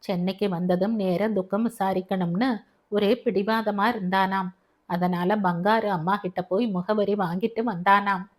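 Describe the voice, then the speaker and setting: A gentle, soft-hearted older aunt, voiced by a woman narrator in a storybook. She pleads in a homely, kindly way. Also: mid-range voice, steady tone, moderate pace, natural voice. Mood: pleading.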